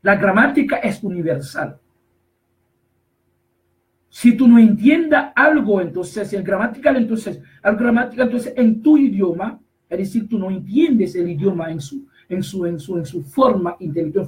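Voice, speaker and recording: A man preaching a sermon, emphatic and repetitive, slowly reading scripture verses and then explaining them. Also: sits high, lively intonation, far from the mic, poor audio. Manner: emphatic, repetitive, rises to shouts on key phrases.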